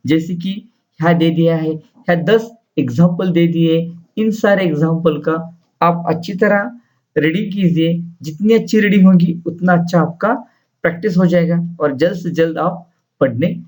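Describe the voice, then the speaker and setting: A man teaching English phonics in a slow lesson, sounding out words one by one. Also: a little high, a little mellow, far from the mic.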